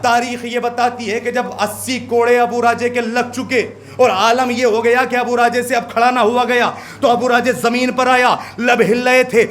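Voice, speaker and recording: A man preaching a majlis sermon, telling a story with drama and building to impassioned shouts. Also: extremely high pitch, flat delivery, moderate pace, hardly any pauses. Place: mourning gathering hall. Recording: crowd heard around speaker. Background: listening congregation.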